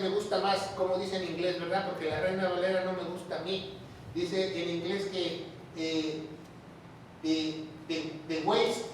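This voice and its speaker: A man's voice: high voice, a little hiss or hum. A man preaching a Bible teaching sermon as pastor, emphatic, repeating key phrases and throwing rhetorical questions at his listeners. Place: church or large hall, with the sermon streamed online. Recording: very echoey room, voice far from the mic.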